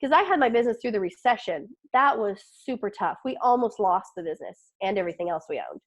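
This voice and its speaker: A woman's voice: medium pitch, expressive, fast. A middle-aged woman, a business owner and podcast guest, chatting casually and acting out little quoted lines with laughs. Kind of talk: casual interview chat.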